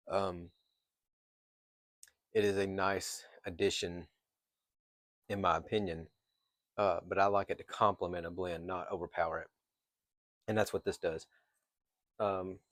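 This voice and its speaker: A man with a fairly low voice talks through an unscripted review in a casual way. He often pauses mid-thought and feels his way to the next phrase. The sound is dry, with very little room in it. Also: no room sound. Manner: hesitant, pausing mid-thought, thinking aloud. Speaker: pipe tobacco reviewer.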